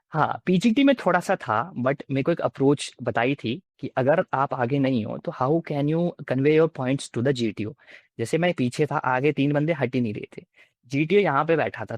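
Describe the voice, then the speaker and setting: A man's voice: mid-range voice, no room sound. A young man in his twenties with an Indian accent, telling his story in a casual interview and acting out what officers said to him. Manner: mixes Hindi and English, acts out officers' lines. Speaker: interviewee, defence exam candidate.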